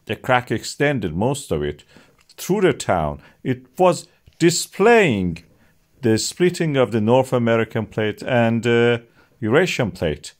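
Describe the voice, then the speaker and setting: A man's voice: medium pitch, sing-song, takes it slowly. A middle-aged man narrating a science explainer as channel host, with non-native phrasing and emphatic rises on key words.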